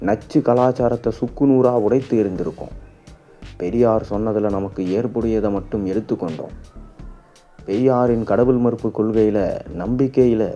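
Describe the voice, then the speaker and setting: A man reading the news, relaying a political speech in a steady, even voice. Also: lowish voice. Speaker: news reader. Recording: dull lo-fi audio with faint music.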